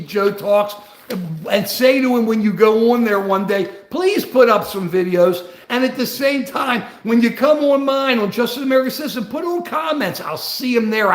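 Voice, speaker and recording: A man's voice: high voice, normal speed, a bit bright, roomy sound. An older man hosting a political livestream, rambling and repeating himself as he talks animatedly. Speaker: livestream host.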